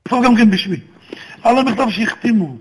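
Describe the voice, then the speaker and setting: Man, husky, high-pitched, steady narration, quoting others. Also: rough recording. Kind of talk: recounting events in a played recording.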